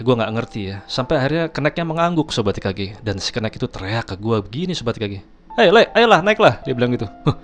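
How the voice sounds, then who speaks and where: A man casually telling a personal story, chatty, keeps addressing his viewers. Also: lowish voice. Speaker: storyteller host.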